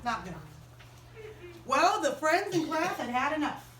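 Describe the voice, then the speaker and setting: A woman telling a story to children in a chapel, animated and asking them questions as she goes. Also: sits high, a little slow, echoey room, far from the mic, poor audio. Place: chapel room.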